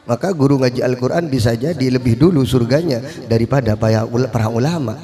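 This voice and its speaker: A middle-aged man giving an informal religious study talk at a mosque, telling stories with acted dialogue and laughter. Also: medium pitch. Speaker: Quran teacher and preacher.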